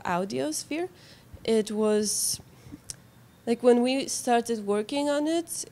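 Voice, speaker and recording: Slow-talking young woman. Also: medium pitch, a little mellow. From Poland. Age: young adult. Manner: halting, thinking aloud. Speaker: student animator being interviewed. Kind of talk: spontaneous interview answers. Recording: background noise.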